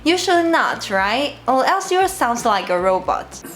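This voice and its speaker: Higher-voiced woman teaching a language lesson. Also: sing-song, a bit bright, a little hiss or hum. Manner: clear, deliberate explaining to learners. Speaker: Mandarin teacher and channel host.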